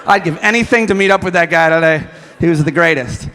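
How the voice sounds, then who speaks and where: A man's voice: fairly high pitch, fast talker, a bit bright, a little hiss or hum. A middle-aged man giving an impassioned convention speech with a repetitive rallying cadence. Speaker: guest speaker. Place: large convention hall. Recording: echoey convention hall with crowd.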